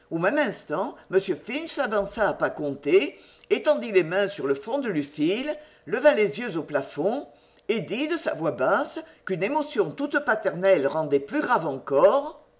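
An audiobook reader narrating a classic novel in an expressive storytelling manner. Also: mid-range voice. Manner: expressive storytelling, varied delivery. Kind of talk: scripted literary narration.

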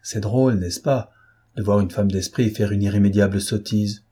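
Male reader playing a grumpy baffled nobleman, husky and quick to anger. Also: lowish voice, fairly even intonation, dark tone. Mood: exasperated. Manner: gruff, exasperated.

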